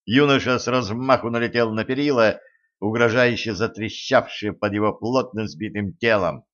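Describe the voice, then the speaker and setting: Give me a man reading an adventure novel aloud with lively storytelling, in a muffled, lo-fi audiobook recording. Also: fairly low pitch, normal speed. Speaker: audiobook narrator. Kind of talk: scripted narration.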